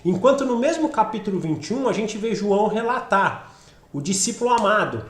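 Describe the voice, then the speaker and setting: A Brazilian Portuguese-accented man leads a Bible study in a conversational style, his high, lively voice a bit rough from a cold. He talks fairly quickly, draws listeners in with frequent "né?" checks, and the room echoes noticeably.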